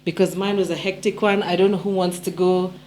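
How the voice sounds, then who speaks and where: A woman's voice: fairly low pitch, little pitch movement, fairly quick, a little mellow, a little hiss or hum. A woman co-hosting a podcast, chatting casually and thanking listeners. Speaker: podcast co-host. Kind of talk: casual group chat.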